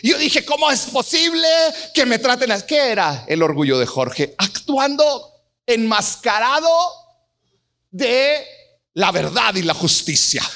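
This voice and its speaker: A middle-aged man preaching a sermon, telling stories and acting out voices with big swings in pitch. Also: sing-song, unhurried, bright, forceful tone. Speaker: pastor.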